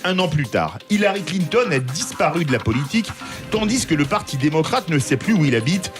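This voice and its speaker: Higher-voiced man hosting a radio show. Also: very animated, a little fast, music in the background. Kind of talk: scripted introduction then moderating.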